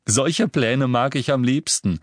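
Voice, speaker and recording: A man's voice: medium pitch, takes it slowly, dry recording, clean studio sound, pitched above the performer's own voice, natural voice. A man voicing a cheeky, joking young man in an audiobook. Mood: breezy.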